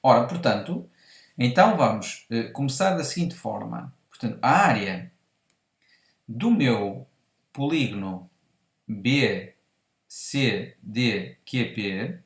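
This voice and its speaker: Methodical Portuguese math teacher, echoey room. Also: male voice, medium pitch. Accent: European Portuguese. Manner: methodical, explains step by step, corrects himself. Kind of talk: whiteboard math lesson.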